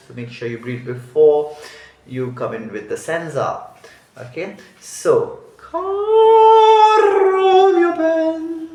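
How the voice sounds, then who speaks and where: A man's voice: medium pitch, gravelly. A man teaching a song, explaining each phrase, thinking aloud and correcting himself. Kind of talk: music lesson walkthrough. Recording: roomy echo.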